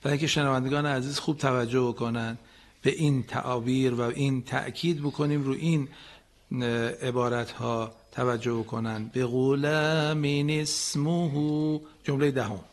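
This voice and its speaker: On a radio lesson, a man teaches Quran recitation in a steady, medium-pitched voice. He patiently corrects his students and models phrases slowly, at times chanting them.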